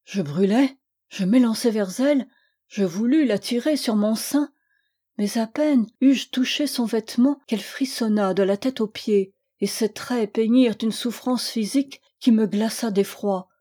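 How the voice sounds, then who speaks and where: Woman with a warm, theatrical reading voice. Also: fairly high pitch. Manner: expressive, theatrical, with slow emphatic passages. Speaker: audiobook reader. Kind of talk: dramatic reading of a 19th-century novel.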